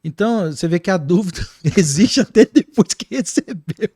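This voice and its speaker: A man with a Brazilian accent, a guest pastor talking in an animated, preaching-like way on a podcast. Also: high voice, normal speed, breathy edge, dry recording, clean studio sound. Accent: Brazilian Portuguese. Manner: animated, acts out quoted voices.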